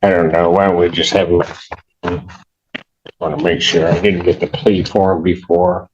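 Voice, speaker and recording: A male judge with a somewhat low voice, heard in a muffled courtroom recording with a faint hiss and a few clicks behind him. He speaks in a measured, formal way as he sets dates and reads out plea terms. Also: level tone.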